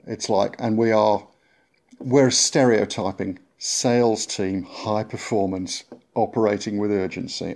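A man speaking as a guest consultant in a conversational podcast interview, animated and acting out little quoted remarks. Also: lowish voice, creaky. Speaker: guest consultant on workplace politics.

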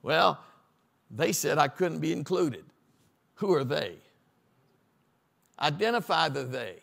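This pastor's voice runs on the high side, gravelly and a bit bright, delivered slowly yet with lots of animation. He is middle-aged, preaching at a Bible study from a church stage, piling up lists into a crescendo and inviting audience responses.

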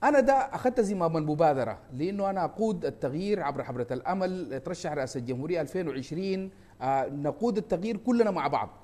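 A Sudanese man with an Arabic accent speaks in a rapid, fervent rush, often stumbling and restarting. His voice sits high but has a mellow, dark tone. He talks as a presidential candidate making his case. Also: expressive. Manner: fast and fervent, with repeated hesitations and restarts. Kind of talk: impassioned campaign talk.

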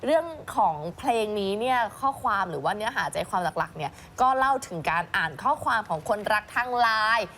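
A woman's voice: mid-range voice, expressive, pushed and bright, slight background noise. A woman co-hosting an entertainment news show, bantering playfully with her partner. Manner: quick, playful banter with co-host. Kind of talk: lively co-hosted entertainment news chat.

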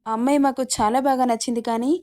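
A middle-aged aunt pleads in a worried tone, read by a woman narrator. Her voice is a little high and warm. The sound is dry, with no room. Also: fairly even intonation, fast, no room sound, natural voice. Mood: chiding.

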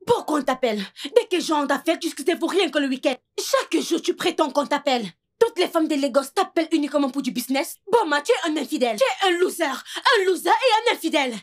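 A furious, high-voiced wife. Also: female voice, expressive, fast, few pauses. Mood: accusing. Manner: accusing, insulting. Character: furious scolding wife, young adult woman. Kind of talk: dubbed film acting.

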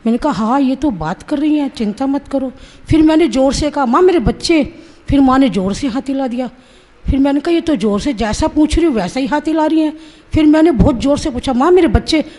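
Lady in her 60s telling her spiritual story, high but mellow voice, earnest, acts out what she said back then. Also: expressive, brisk. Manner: earnest and vivid, acting out her own quoted words. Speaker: Sahaja Yoga practitioner giving a testimony. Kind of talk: personal testimony storytelling.

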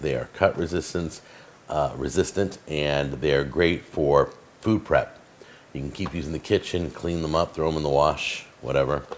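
Deep-voiced man demoing kitchen gadgets. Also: slight background noise. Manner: chatty, enthusiastic, filler-heavy. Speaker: cooking show host. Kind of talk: casual product demo. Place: home kitchen, indoors.

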